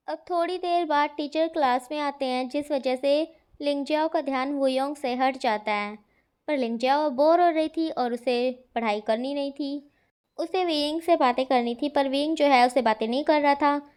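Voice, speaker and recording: Woman narrator, high voice, casual storytelling read with listener asides. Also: darkish tone. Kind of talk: fan-fiction story reading.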